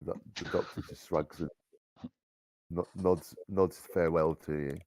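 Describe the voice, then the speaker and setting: A man running a tabletop horror game as game master, talking in a halting way with many restarts. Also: deep voice, fairly even intonation, a little mellow, dry recording.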